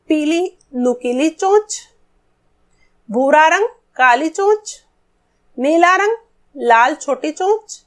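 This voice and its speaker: A woman with a high, bright voice gives a lesson to schoolchildren. She talks to them directly and asks questions that she answers herself in a patient teaching tone. Her delivery is that of a classroom explanation.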